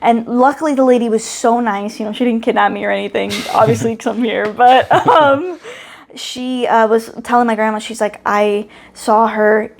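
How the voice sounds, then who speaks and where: A woman's voice: on the high side, a little fast, gravelly, slight background noise. A young woman co-hosting a podcast, telling a childhood story casually and acting out the voices in quotes, often laughing. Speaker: podcast co-host.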